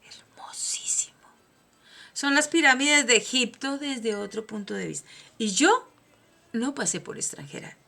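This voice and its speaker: Here a woman from Colombia, accent clearly Colombian, hosts a personal pep talk in an emphatic, sermon-like style that veers from hushed asides to loud declarations. Her pitch runs a little high, and her voice is expressive, unhurried and creaky.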